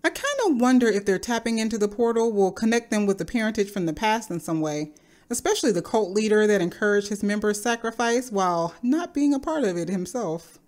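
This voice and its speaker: A woman giving a scripted, explanatory narration in a measured, speculative manner. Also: medium pitch, expressive, a little mellow, a little hiss or hum. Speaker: video creator narrating a game theory.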